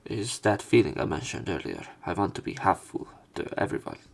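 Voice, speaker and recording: A man with a low, gravelly voice speaks briskly with big pitch swings. He is a let's player giving a dramatic read-aloud of a visual novel, voicing its dialogue expressively.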